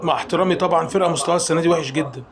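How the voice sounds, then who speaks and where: A man with an Egyptian accent giving an emotional, rapid-fire football fan reaction after a match, calling out the players one by one. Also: fairly high pitch, very noisy. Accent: Egyptian Arabic.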